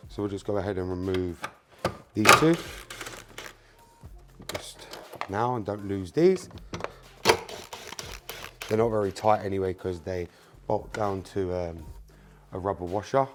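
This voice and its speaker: Loud music sits behind this man's low voice as he speaks at a measured pace with long pauses. He hosts a car mechanic channel, his first language is Spanish, and in this hands-on tutorial he talks casually to viewers as "you guys" while working, using "um" and "obviously" a lot.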